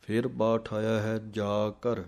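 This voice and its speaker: Slow, low-voiced man chanting and explaining. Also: little pitch movement, a little mellow, clean tone. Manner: slow chanted verses alternating with quick spoken explanations. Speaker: teacher of scripture recitation. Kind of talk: recitation lesson, chanting verses then explaining pronunciation.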